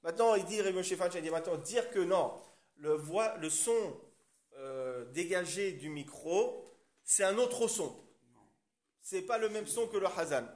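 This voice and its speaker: A man's voice: high-pitched, unhurried. A man teaching a religious class, explaining step by step and often checking that the class follows. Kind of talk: Torah class lecture.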